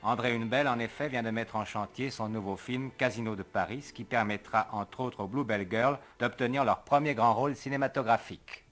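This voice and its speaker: A man's voice: mid-range voice, fairly quick, few pauses. A man presenting and interviewing in a wry, teasing, polished broadcast manner. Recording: 1950s broadcast recording with clear hiss.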